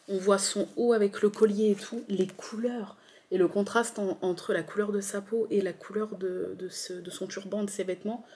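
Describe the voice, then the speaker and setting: A woman's voice: medium pitch, a little mellow. A woman vlogging about cross-stitch kits in a chatty, enthusiastic way, full of fillers and restarts. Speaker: embroidery vlogger. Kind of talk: casual show-and-tell vlog.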